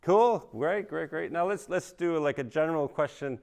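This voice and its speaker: A middle-aged man from Canada working a live crowd with dry, self-mocking stand-up. He speaks into a handheld stage mic in a museum hall. When he impersonates others, his voice jumps into a high, squeaky register. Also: moderate pace, creaky, noisy background. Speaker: stand-up comedian.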